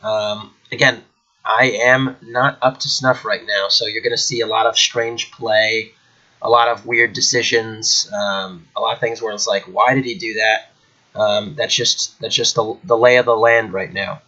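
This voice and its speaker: A man hosting his chess channel from home sounds a little nasal and congested from a cold, chatting casually and rambling with lots of fillers. His low, bright, forceful voice moves at a measured pace with fairly even intonation, and the recording is muffled.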